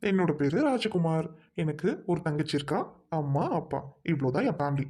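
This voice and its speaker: A kind young man, soft-spoken and lightly teasing, as a woman acts him out. The voice is low for a woman and dark, mellow and warm, soothing and coaxing in an amateur dialogue drama. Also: expressive, fairly quick, husky.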